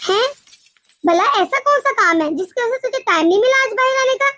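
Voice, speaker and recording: A woman's voice: extremely high pitch, expressive, a little fast, bright, forceful tone, dry recording, heavily acted. Woman voicing a bossy cartoon mother-in-law. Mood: prying. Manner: scolding, grumbling. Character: bossy middle-aged mother-in-law, tired, controlling. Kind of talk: cartoon voice acting.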